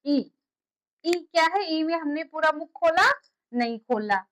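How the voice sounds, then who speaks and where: Slow, high-voiced woman teaching a class. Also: lively intonation, fairly bright tone, low-quality recording. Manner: repeats key terms slowly, quizzing students with questions. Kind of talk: classroom lecture.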